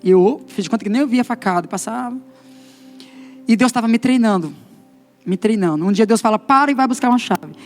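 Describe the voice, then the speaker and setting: A middle-aged man with a Brazilian Portuguese accent, a pastor giving a testimony sermon and telling his story in a lively way, acting out the dialogue. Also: high-pitched, fairly quick, soft background music.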